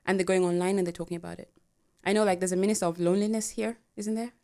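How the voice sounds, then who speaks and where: Animated woman podcast co-host, laughing often. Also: medium pitch, racing. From Africa. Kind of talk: casual chat.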